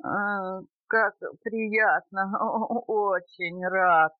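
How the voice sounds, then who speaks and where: A woman's voice: medium pitch, sing-song, a little slow, no room sound. Woman voicing a kind polite male moose, mild, hesitant, storybook, dry cassette recording. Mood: flustered. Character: kind, well-mannered, gentle male moose. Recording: dull dry cassette tape.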